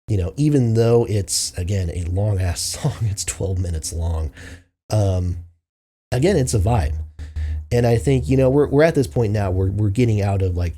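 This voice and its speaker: A man with a low, dark voice and a husky, slightly grainy edge. He talks through an album review in a loose, unscripted way, thinking aloud with plenty of ums and likes. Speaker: music reviewer host. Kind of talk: casual album review monologue.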